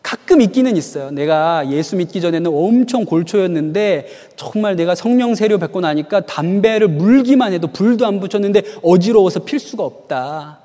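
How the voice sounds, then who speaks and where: A man preaching in a high, animated voice that rises and falls freely. He tells stories and keeps asking his listeners questions. A long reverb trails his words. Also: normal speed, few pauses. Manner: storytelling, asks the audience rhetorical questions. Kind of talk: sermon.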